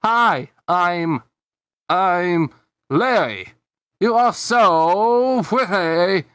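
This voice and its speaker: A man voicing an excitable little boy cucumber who talks slowly and eagerly, in a dry-sounding fanfic reading. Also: sits high, no room sound, pitched above the performer's own voice, heavily acted. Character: small excitable boy cucumber, wide-eyed. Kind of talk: storybook voice acting.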